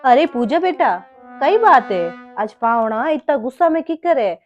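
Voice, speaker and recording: A woman's voice: high-pitched, lively intonation, measured pace, muffled recording, faint music behind. Woman doing a pleading Marwari mother-in-law. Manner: soft, pleading, conciliatory. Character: older village mother-in-law, gentle, pleading. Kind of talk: comic village skit.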